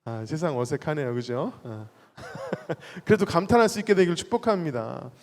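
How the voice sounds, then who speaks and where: Animated male preacher in a reverberant church. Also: a little high, normal speed, creaky. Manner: animated, playful, exclaims and acts out quotes. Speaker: worship leader. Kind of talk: lively sermon with audience call-and-response. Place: church sanctuary.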